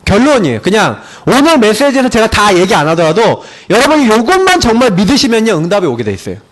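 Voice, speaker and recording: A young man preaching an afternoon sermon as pastor. He acts out dialogue with friends and stretches key words slowly for emphasis. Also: sits high, huge pitch swings.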